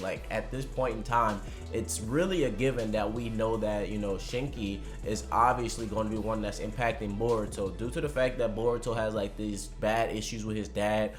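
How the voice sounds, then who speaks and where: A man giving casual, unscripted preview commentary and predictions, talking in a slangy, conversational way and swearing freely. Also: fairly low pitch. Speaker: anime commentary vlogger.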